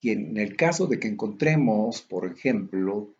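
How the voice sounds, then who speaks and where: A man from Bolivia giving a recorded theology lecture, going methodically through tables of Greek letters in a slow, measured way. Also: lowish voice, animated, darkish tone, slightly rough, muffled recording.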